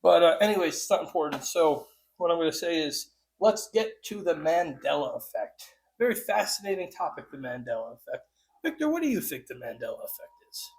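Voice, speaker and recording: A man's voice: fairly high pitch, big pitch swings, a little fast, low-quality recording. A man hosting a podcast in a casual, rambling way, ranting and swearing freely. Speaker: podcast host.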